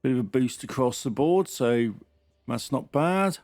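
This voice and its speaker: A man's voice: medium pitch, lively intonation, measured pace, darkish tone, faint music behind. A man giving casual, chatty running commentary while playing a racing game. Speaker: gaming channel host.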